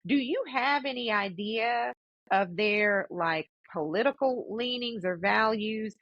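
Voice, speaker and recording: A woman in a conversational family interview, speaking emphatically and repeating phrases, on low-bitrate audio. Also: slow pace, no room sound, dull audio. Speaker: interviewer, daughter questioning her father.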